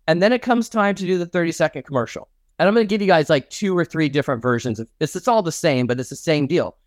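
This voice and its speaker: A middle-aged man, a networking expert guest, talking with punchy enthusiasm in an interview. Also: no echo. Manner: enthusiastic, punchy, acts out his own pitches. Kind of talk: energetic interview talk.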